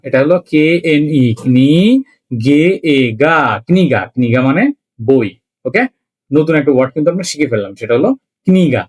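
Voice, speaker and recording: A man teaching a beginner language lesson, slowly spelling out words letter by letter and often checking in with his listeners. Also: mid-range voice, animated, a little mellow. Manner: slow, repetitive spelling out letter by letter.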